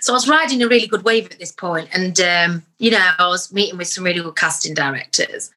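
A young woman talks candidly about her acting life, her voice bright and clear. She rambles a little, restarts her sentences and pokes fun at herself. The tone is an easygoing interview chat. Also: on the low side, fast talker. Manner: chatty, candid, self-deprecating storyteller. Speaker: actor.

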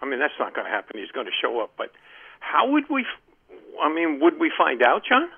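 A man's voice: fairly high pitch, huge pitch swings, a little fast, vocal fry, husky. A man from Maryland calling in to a radio show over the phone, talking hesitantly with many restarts. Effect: phone call. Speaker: caller. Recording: tinny phone line.

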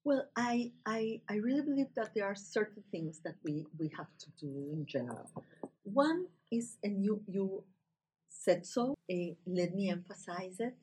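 A native Spanish-speaking woman with a Latin American accent discusses ideas in halting non-native English with a husky voice, searching for words. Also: mid-range voice, lively intonation, darkish tone, slight background noise, poor audio. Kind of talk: spoken discussion.

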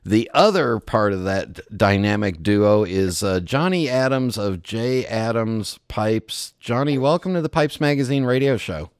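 Male radio show host, mid-pitched, playful and teasing, close dry mic. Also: expressive, measured pace, hardly any pauses, clear, resonant tone, no room sound. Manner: jokey, teasing, laughs a lot. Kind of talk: radio interview hosting.

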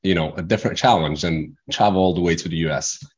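A man's voice: deep voice, fast talker, husky, highs cut off. A young man from Morocco whose first language is not English, talking as a guest in a casual interview, rambling with many fillers and restarts. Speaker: guest entrepreneur.

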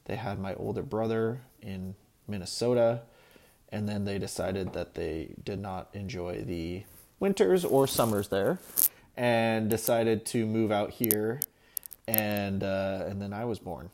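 A podcast host who also works as a real estate agent, this Seattle man has a lowish, slightly mellow voice. He leads a casual chat, rambling enthusiastically through lists.

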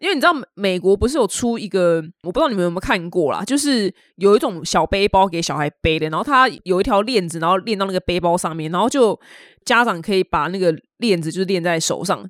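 A woman's voice: on the low side, no echo, clean studio sound. A woman from Taiwan, hosting a casual news commentary in a chatty, opinionated way.

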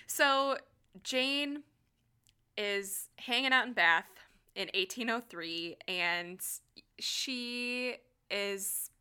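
A woman's voice: a little high, drawn-out words, bright, forceful tone, clear, resonant tone. A woman co-hosting a casual book chat, amused and giggly as she describes a book. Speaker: podcast co-host.

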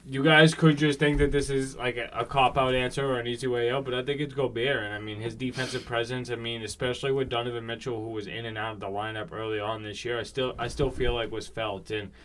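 A young man co-hosting a casual sports podcast, giving his picks with halting "I mean" restarts. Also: mid-range voice, fairly even intonation, a bit bright. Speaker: podcast co-host.

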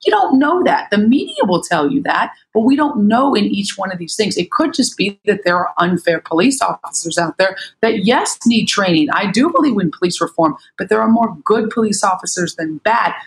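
A middle-aged American woman in casual panel talk, an animated storyteller who acts out what people said. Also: medium pitch, normal speed, hardly any pauses, rough recording. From United States. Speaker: panel guest.

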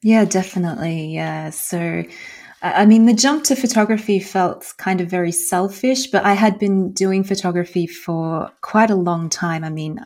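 A woman from Australia, a podcast guest talking in a soft-spoken, thoughtful way. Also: fairly low pitch, normal speed. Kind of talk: casual interview.

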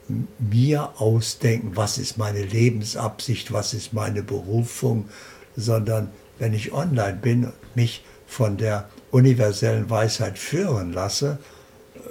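A man being interviewed, calmly and slowly laying out his spiritual practice point by point. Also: on the low side, vocal fry, slight background noise. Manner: slow, deliberate, explaining in lists. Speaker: interview guest. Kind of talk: calm spiritual interview talk.

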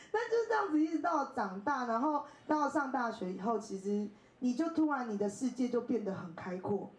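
Speaking at a normal pace with a fairly high voice, a Taiwanese woman in her thirties gives an animated bookstore talk as an invited speaker. She shares personal stories, laughs often, and acts out quoted voices. The recording is low-quality with a roomy sound.

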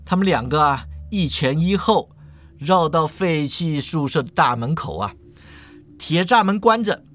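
A man with a Taiwanese Mandarin accent telling a ghost story in a lively way, drawing out the particles. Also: fairly high pitch, unhurried. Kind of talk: spoken storytelling.

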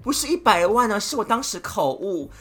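A woman's voice: mid-range voice, big pitch swings, fairly quick, slightly rough, pitched above the performer's own voice. A woman voicing a lying man who makes pleading, whiny excuses and plays the victim. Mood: whining.

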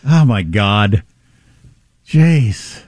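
A man's voice: lowish voice, expressive, drawn-out words, a little mellow, no echo, clean studio sound. A man co-hosting a talk show in casual radio chat.

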